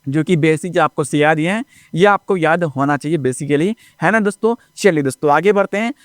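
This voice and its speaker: A man teaching a basic lesson, talking repetitively and often checking in with his viewers as friends, spelling out letters slowly one by one. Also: on the high side, no room sound, clean studio sound. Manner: drawn-out letter-by-letter recitation. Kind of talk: classroom-style lesson narration.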